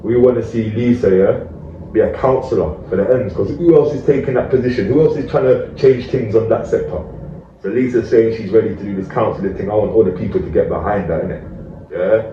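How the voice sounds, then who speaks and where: A man's voice: lowish voice, fairly quick. A man with a London roadman accent giving emphatic, slang-heavy street talk, peppered with tag questions. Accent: London roadman, multicultural street London. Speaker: community activist speaker. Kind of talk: street talk addressed to camera. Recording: roomy, distant, dull audio with faint noise.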